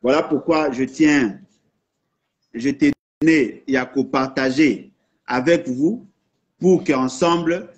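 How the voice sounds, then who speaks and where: A man's voice: mid-range voice, slow pace, dull audio. A man from the Congo with a Congolese French accent, delivering an impassioned political monologue that repeats its points for emphasis. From Democratic Republic of the Congo. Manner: insistent, repeats points, mixes in Lingala phrases.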